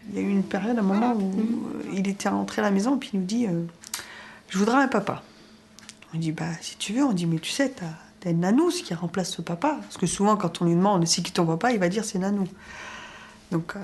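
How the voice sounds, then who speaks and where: A woman's voice: mid-range voice, fast talker, darkish tone, slight background noise. A mother telling a family anecdote in a chatty way, quoting what her child said. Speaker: mother interviewed in a documentary.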